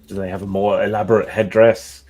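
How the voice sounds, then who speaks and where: A man playing a tabletop game, reacting with quick, exasperated questions. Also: fairly low pitch, little pitch movement, a little mellow, slight background noise. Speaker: player. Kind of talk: casual tabletop play.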